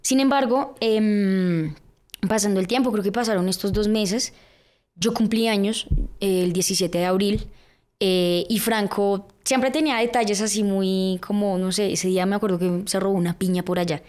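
Podcast guest: a young Colombian woman, a middle-pitched voice, chatty storyteller who acts out the people she quotes. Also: normal speed. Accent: Colombian Spanish. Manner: lively narration full of fillers, with acted-out quotes. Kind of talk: personal storytelling in a podcast interview.

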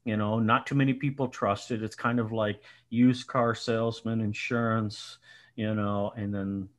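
His voice sits on the low side with a level tone and an unhurried pace. He's a nasal-voiced Colorado business owner in his sixties, guesting on a podcast via headset video call from an indoor room at home, telling self-mocking stories and laughing often.

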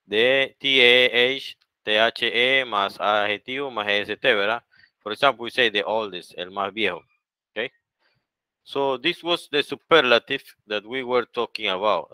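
Bright, crisp Panamanian teacher, slow English. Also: male voice, lowish voice, dry recording, low-quality recording. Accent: Panamanian Spanish. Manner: switches between English and Spanish, many "okay?" and "¿verdad?" checks; speeds up for Spanish translations. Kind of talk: bilingual online grammar lesson.

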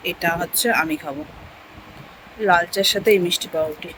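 A woman from India chatting softly through a casual daily home vlog, rambling with little fillers. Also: on the low side, steady tone, a little fast, slight background noise. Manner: talking softly so her son can sleep. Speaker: home vlogger.

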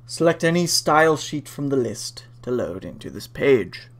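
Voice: mid-range voice, sing-song, normal speed. A person giving a dramatic reading in a solemn, hammy stage-actor manner. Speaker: dramatic reader of a web page.

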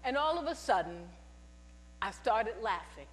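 This older woman, robed in purple, speaks at a moderate, unhurried pace in a slightly high voice as she delivers her testimony at the pulpit. Her storytelling is lively, and she trades calls and responses with the congregation across the big sanctuary. A headset mic captures her over lingering reverb and an electrical hum.

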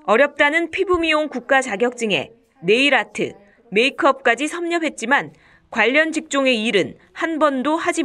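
High-pitched woman news reporter. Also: a bit bright. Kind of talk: scripted news report narration.

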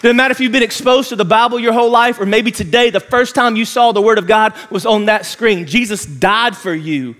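A man's voice: high-pitched, a little fast, few pauses, fairly bright tone. Impassioned man preaching on a church stage. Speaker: pastor. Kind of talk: sermon. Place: large church auditorium with stage and audience.

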